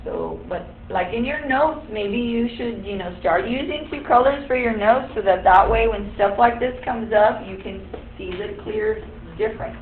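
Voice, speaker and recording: A woman's voice: mid-range voice, normal speed, hardly any pauses, slight background noise. A woman teaching a class, explaining step by step and quizzing the students. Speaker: high school algebra teacher. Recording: echoey room, tinny phone-like sound.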